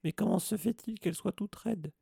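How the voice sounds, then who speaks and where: Casting : homme jouant un vieux concierge hystérique, aigu, qui hurle ses accusations. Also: male voice, high voice, a little fast, vocal fry, dark tone, husky, dry recording, clean studio sound, pitched above the performer's own voice, heavily acted. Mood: furieux. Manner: shrieking, accusing. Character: shrill furious old male caretaker.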